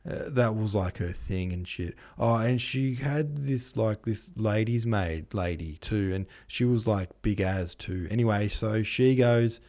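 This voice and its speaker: A man's voice: fairly low pitch, a little slow, hardly any pauses, a little mellow. A man doing a crude rambling Prince Hippolyte. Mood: rowdy. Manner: rambling, slangy, vulgar. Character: Prince Hippolyte, a crude blokey young aristocrat.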